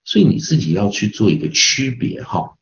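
A man's voice: on the low side, very animated, normal speed, lo-fi sound, a little hiss or hum. A man teaching English pronunciation in a recorded online lesson with a Taiwanese Mandarin accent, patiently repeating sounds over and over to demonstrate them.

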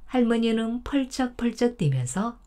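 A woman storyteller narrating a folktale in a calm, gentle bedtime manner. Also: fairly high pitch, normal speed.

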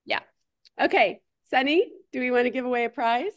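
A woman's voice: sits high, a little fast. A woman co-hosting a livestream in a casual, chatty style. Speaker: livestream co-host.

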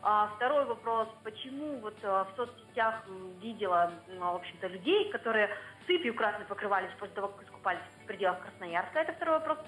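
A woman's voice: medium pitch, animated, fast talker, a bit bright, roomy sound, faint music behind. A woman from Krasnoyarsk calling in to a radio show over the phone, asking her questions point by point with some hesitant fillers. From Krasnoyarsk, Russia. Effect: voice heard over a phone line on air.

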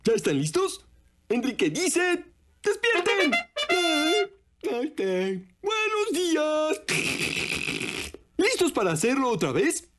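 Una mujer que dobla a un muñeco niño alegre y juguetón que guía juegos y habla a los niños que lo ven. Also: female voice, sits high, huge pitch swings, normal speed, soft background music. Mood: playful. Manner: bouncy, coaxing, talks to viewers. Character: cheerful playful puppet boy leading games. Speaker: dubbed puppet character. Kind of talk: children's TV dub.

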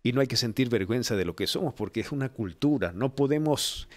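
A man's voice: mid-range voice, expressive, brisk, darkish tone. An Ecuadorian man hosting an online interview, rambling and talkative with frequent fillers. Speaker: host.

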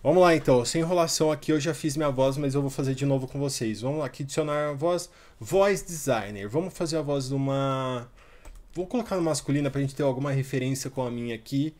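A man in his thirties hosts a relaxed screen-recorded tutorial at an ordinary pitch. He talks loosely as he clicks around, tossing in little fillers and asides as he goes. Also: fast. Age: 30s. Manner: chatty, talks while clicking through a website, many fillers like "tá" and "ó". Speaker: tutorial host.

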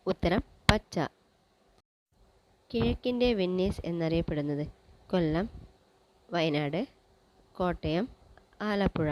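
A woman presenting a general-knowledge quiz, reading each question and its options in a measured, list-like way. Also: lowish voice, a little mellow, poor audio.

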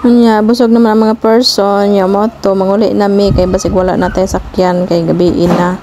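A woman's voice: mid-range voice, flat delivery, normal speed. A woman in her thirties with a Cebuano accent, chatting casually through a family vlog with frequent laughs and English phrases mixed in. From Philippines. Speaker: family vlogger. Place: outdoor seaside barbecue spot at night. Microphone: phone held at arm's length. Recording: loud outdoor background noise.

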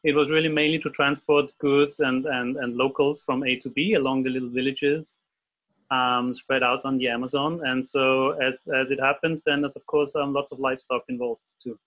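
Speaking flatly at medium pitch and a moderate pace, a man in his forties with an Austrian German accent appears as a guest illustrator in a relaxed video-call interview. He stumbles often, using fillers and restarting sentences. He's at a desk in a home room, and the call audio sounds dull.

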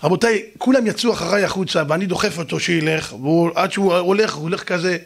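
A man, a rabbi, telling a lively story straight to his listeners and acting out other people's voices. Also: high-pitched, creaky. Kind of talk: storytelling talk to an audience.

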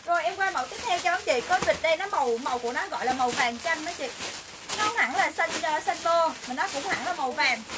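High fast-talking woman selling live. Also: lively intonation, noisy background. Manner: brisk, repetitive calls for orders. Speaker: livestream seller. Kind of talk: fast sales pitch on a live stream.

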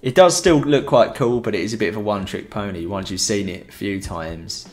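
This is a casual live-stream photography tutorial given by a young man at home over a headset mic, rambling and chatty with lots of fillers. His lowish voice has a darkish tone and a fairly quick pace, and music plays faintly underneath.

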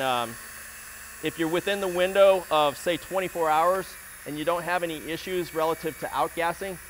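A middle-aged man talks through a hands-on demonstration in a large warehouse, pausing on fillers and restarting sentences as he works. His voice sits a little high for a man, picked up on a lapel mic while he kneels on the floor. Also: a bit bright, slight background noise. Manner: practical, explanatory, with frequent fillers and restarts. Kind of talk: instructional demonstration.

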